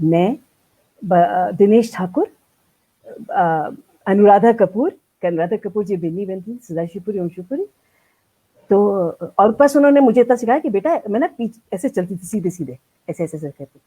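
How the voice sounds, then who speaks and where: An older woman, a veteran theatre artist, tells stories from her life in a lively live-streamed interview, animatedly acting out the lines she quotes. Her voice is husky and medium-pitched, and the audio is poor.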